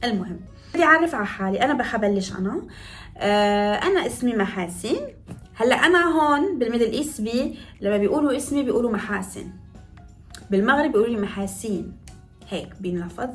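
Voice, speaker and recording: A woman's voice: a little high, expressive, rapid-fire, faint music behind. A woman in her twenties from northern Morocco, chatting playfully to viewers in a vlog and teaching phrases with laughs. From Morocco (Tetouan, north). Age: 20s. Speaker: beauty vlogger.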